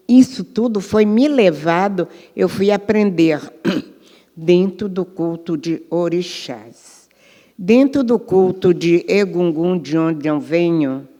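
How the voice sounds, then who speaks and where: An older woman from Rio de Janeiro giving a panel talk as an elder of her tradition, teaching slowly and deliberately with spoken examples. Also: lowish voice, warm tone. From Rio de Janeiro, Brazil. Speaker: guest speaker, elder of an Afro-Brazilian religious tradition. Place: cultural center event hall. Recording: reverberant hall.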